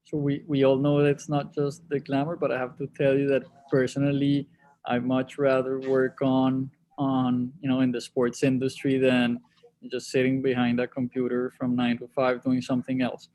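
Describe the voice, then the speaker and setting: A man's voice: medium pitch, completely flat delivery, moderate pace, warm tone. A man, a guest answering interview questions over a video call in a thoughtful way, often restarting his sentences. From Colombia. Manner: thoughtful, with frequent restarts and repeated words. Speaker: sports league executive guest.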